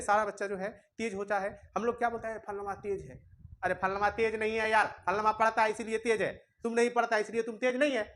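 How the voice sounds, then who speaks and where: A man's voice: high voice, fairly bright tone. Guy teaching class, chatty and scolding the kids. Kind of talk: classroom lesson. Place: classroom with students.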